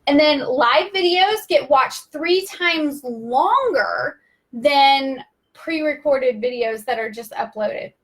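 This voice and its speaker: A woman leads a casual live-stream lesson on video tips. Her voice sits high, and she talks in a rapid, chatty rush, like an auctioneer racing the clock. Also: a bit bright. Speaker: social media video trainer.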